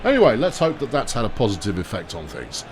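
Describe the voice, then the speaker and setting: A man's voice: medium pitch, wildly swooping pitch, quick pace, background noise. A man commentating casually on a football management game, with a dry, sarcastic, chatty manner. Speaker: gaming commentator.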